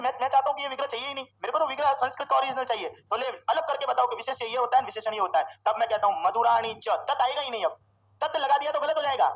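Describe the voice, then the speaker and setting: A man teaching a Sanskrit grammar class, drilling students with questions and slowly repeating forms. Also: extremely high pitch, poor audio. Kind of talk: classroom lecture.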